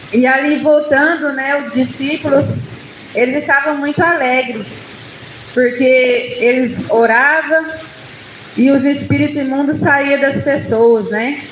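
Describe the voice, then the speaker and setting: A woman preacher with a Brazilian Portuguese accent speaks earnestly to her congregation. Her voice sits a little high. The sound is muffled and echoes around the church hall, with faint room noise behind. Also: a bit bright. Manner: earnest, addresses the congregation directly. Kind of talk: sermon and prayer. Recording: echoey, dull church PA recording.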